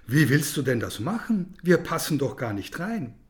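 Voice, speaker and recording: A man's voice: on the high side, sing-song, normal speed. A man reading a storybook and voicing an anxious, cautious young boy in a raised, worried voice. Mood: doubtful.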